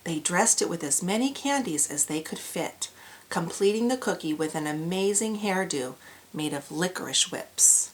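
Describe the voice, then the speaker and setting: A woman's voice: fairly low pitch, lively intonation, moderate pace. A woman storyteller reading aloud to children, with an exaggerated, cheery child-directed delivery and questions put to the young listeners. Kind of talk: animated children's read-aloud.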